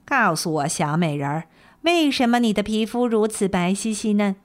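A woman's voice: medium pitch, lively intonation, moderate pace, close to an everyday voice. Lady doing a sly cackly old crone, wheedling, swings all over. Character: ugly greedy old woman, sly and cackling.

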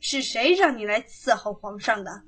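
A woman's voice: on the high side, expressive, normal speed, a bit bright, husky. A woman playing a sneering old palace torturer. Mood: menacing. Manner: taunting, bullying. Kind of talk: period palace drama acting.

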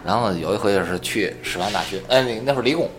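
A man with a Tianjin accent in casual co-hosted chat, colloquial and halting, often repeating a word before going on. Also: fairly low pitch, faint music behind.

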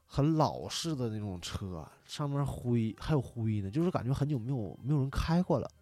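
A man telling a story in casual chat, animated and swearing, shouting out parts of the tale. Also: mid-range voice, moderate pace, dry recording. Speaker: podcast guest.

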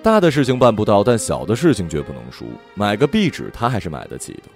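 Male audiobook narrator, low voice, lively delivery, faint music under him. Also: fast. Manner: expressive, gentle storytelling. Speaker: storyteller.

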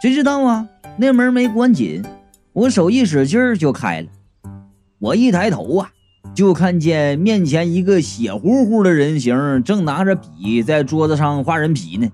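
A man's voice: a little high, big pitch swings, moderate pace, darkish tone. A man narrating a comic ghost audiobook in the first person, with wry, jokey asides. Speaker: storyteller. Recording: faint background music.

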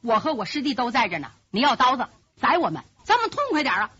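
A woman's voice: high voice, sing-song, a little slow, pushed and bright, full character voice. A woman storyteller voicing an arrogant young bandit who talks boastfully. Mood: panicked. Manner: boastful, later panicky. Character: arrogant bandit villain, young man, whip fighter. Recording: dull lo-fi recording.

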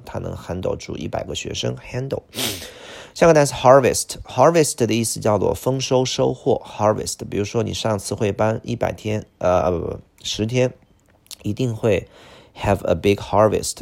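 A man's voice: low-pitched, gravelly, a little mellow. A man with a Mandarin Chinese accent teaching English vocabulary for an exam, switching between Chinese and English and repeating each word several times. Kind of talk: IELTS vocabulary lesson.

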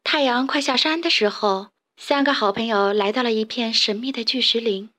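High-voiced woman reading a children's story. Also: normal speed, bright, forceful tone.

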